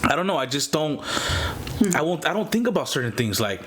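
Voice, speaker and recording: A man's voice: a little high, very animated, a little fast, fairly bright tone. Informal man chatting over noticeable background noise. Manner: informal slangy talk, repeated "you know what I mean". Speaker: mukbang vlogger. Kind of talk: casual chat to viewers while eating.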